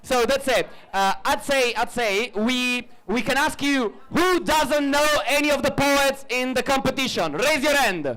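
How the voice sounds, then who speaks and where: A man's voice: extremely high pitch, unhurried, hardly any pauses, pushed and bright, poor audio. A man hosting a live stage event, chatty and playful, rambling through his explanations. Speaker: event host.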